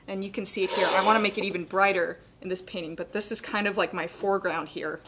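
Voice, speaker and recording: A fast-talking young adult painting instructor, her mid-range voice a bit bright, fairly even in intonation and slightly cracking, chats casually through a live demonstration. She uses "like" and "kind of" a lot, and a little hiss or hum is audible.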